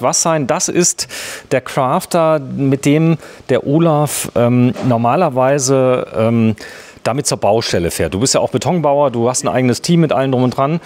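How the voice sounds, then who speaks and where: Chatty man hosting a product demo. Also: medium pitch. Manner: chatty, joking, many fillers. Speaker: host. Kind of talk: casual on-site product demo.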